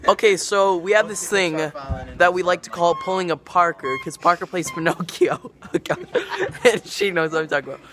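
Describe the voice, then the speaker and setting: A man's voice: high-pitched, expressive, moderate pace, bright, forceful tone. A teenage boy vlogging backstage at a theater on a handheld phone, rambling with lots of fillers. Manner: rambling, filler-heavy chatter. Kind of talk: casual backstage vlog. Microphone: handheld phone camera.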